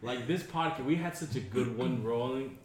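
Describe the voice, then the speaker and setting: A man from a Dominican family co-hosts a casual chat podcast, joking, swearing and speaking loosely with lots of fillers. His mid-range voice keeps a moderate pace, recorded in an echoey room with faint hiss.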